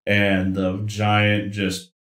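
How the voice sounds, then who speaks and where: Low-voiced man running a tabletop game. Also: monotone, very slow, fairly bright tone, echoey room. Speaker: game master.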